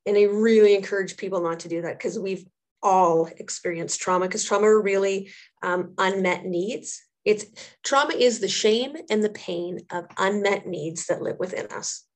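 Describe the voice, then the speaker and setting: Speaking at normal speed in a medium pitch, a woman of thirty or more gives interview answers drawn from her work as a trauma therapist and social worker. Her tone is earnest and thoughtful, with repeated phrases for emphasis.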